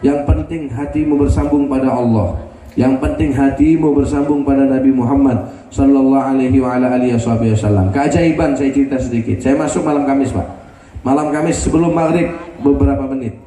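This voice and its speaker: Dark-voiced man preaching from afar. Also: mid-range voice, brisk. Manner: animated, voices the people in his stories. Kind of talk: sermon. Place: religious gathering. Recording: roomy sound from a distant mic.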